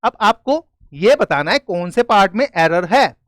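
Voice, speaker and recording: A man teaching grammar in a video lesson, explaining step by step and often checking "clear?". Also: high-pitched, sing-song, unhurried, fairly bright tone, no echo. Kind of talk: classroom-style video lesson.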